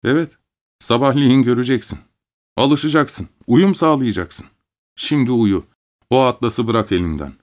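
A man's voice: mid-range voice, animated, unhurried, natural voice. A man voicing the mocking, singsong inner voice of a doctor's fear. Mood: mocking soothing. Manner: teasing, singsong.

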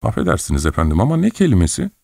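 A man's voice: low-pitched, huge pitch swings, very fast, vocal fry, darkish tone, dry recording, studio quality, heavily acted. A man voicing a fussy, obsequious middle-aged male clerk in an audiobook, with a deferential, eager-to-please manner.

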